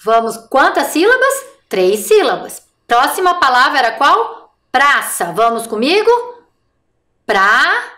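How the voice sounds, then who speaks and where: A woman teaching young children in a recorded remote class, encouraging and speaking slowly and clearly. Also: sits high, sing-song, pushed and bright, echoey room. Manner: encouraging, sing-song, slow and clear for children. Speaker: primary school teacher.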